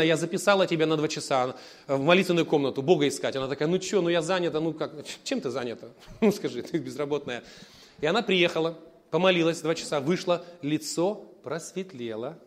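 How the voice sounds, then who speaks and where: A man preaching a sermon as pastor, telling stories in a lively way, with loud emphatic bursts and quiet asides. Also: on the high side.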